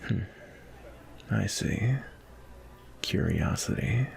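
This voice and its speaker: Sebastian, a deep, gravelly vampire acted by a man. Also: a little mellow, full character voice. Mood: calm, reassuring. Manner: polite, unhurried, flirtatious. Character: suave, courteous, centuries-old male vampire on a date. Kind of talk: ASMR roleplay, intimate and softly spoken.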